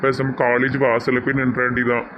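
Sketch comic, Tirunelveli man, stern and flat, dull lo-fi recording. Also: medium pitch, normal speed, a little hiss or hum. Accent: Tirunelveli Tamil. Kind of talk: comedy sketch acting. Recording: dull lo-fi sound.

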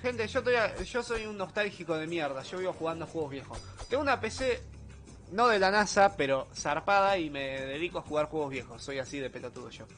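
A young man with an Argentine accent, live streaming a retro game in low spirits, joking in slang and reading chat aloud. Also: lively intonation, fairly quick, a bit bright, faint music behind. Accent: Argentine Spanish. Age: young adult. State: low-energy, subdued. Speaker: gaming streamer. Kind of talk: casual live stream commentary while gaming.

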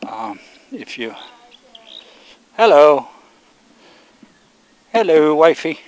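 Strolling outdoors on a country road among rice fields, an older man from Sweden chats to his viewers in a relaxed, meandering way via a selfie-stick camera. He speaks very slowly in a slightly high voice that is straining as it gives out, and the recording quality is low.

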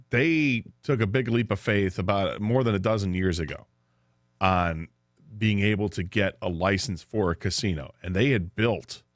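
A man with an American accent co-hosts a sports radio show, chatting casually into a studio broadcast microphone. His pitch is fairly low, and there's no echo.

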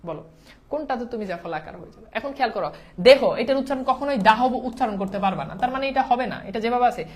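Fast-talking woman tutor, high voice, quizzing and answering herself. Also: lively intonation. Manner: asks rhetorical questions and answers them herself. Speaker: teacher. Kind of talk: online exam-prep lesson.

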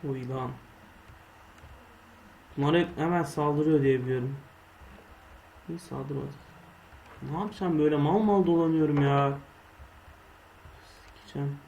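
Young male gamer, slightly high voice, casual muttered commentary with sudden startled swearing; faint hiss on the recording. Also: a little slow, gravelly, long pauses, lo-fi sound. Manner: swears and shouts when startled in game. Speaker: gameplay commentator. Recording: faint background noise.

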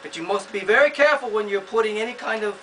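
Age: adult. Sex: man. Style: bumbling how-to host, high-pitched, off-mic. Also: fast talker, a bit bright, far from the mic, slight background noise, poor audio. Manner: bumbling, overconfident, falsely expert. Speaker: host of a parody repair video. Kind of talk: mock how-to demonstration.

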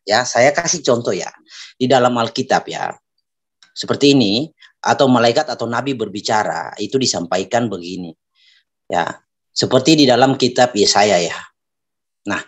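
A man's voice: medium pitch, breathy edge. A man explaining his side in an online religious debate, reading passages aloud and going through them patiently, heard over a video call.

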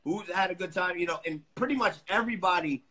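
A man's voice: high voice, quick pace, pushed and bright, husky, rough recording. A man joining a live stream as co-host, chatting in a loose, slangy, agreeable way over a video call. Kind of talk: casual live chat. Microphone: video call guest.

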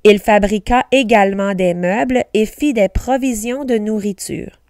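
Slow, careful woman storyteller. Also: mid-range voice, darkish tone, no echo, studio quality. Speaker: teacher reading aloud. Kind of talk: slow storybook read-aloud for learners.

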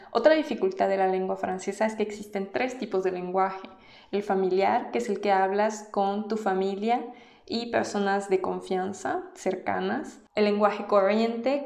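A Mexican woman with a Mexican Spanish accent and a medium-pitched, darkish voice makes a casual language vlog, explaining and demonstrating sounds slowly and patiently. The recording has a roomy echo.

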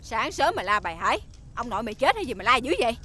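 A sharp-tongued young mistress of a wealthy Southern household in a TV drama. Her speech is bright and forceful, set slightly high, and she talks down to her servants with open scorn. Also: sing-song, fast talker, heavily acted. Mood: scolding. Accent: Southern Vietnamese. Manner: scolding, bossy. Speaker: actress. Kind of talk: TV drama acting.

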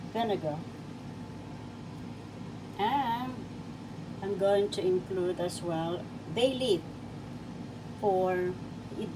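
An older woman from the Philippines, cheerfully talking through a home cooking demonstration and listing each ingredient. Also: medium pitch. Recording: home recording with audible background noise.

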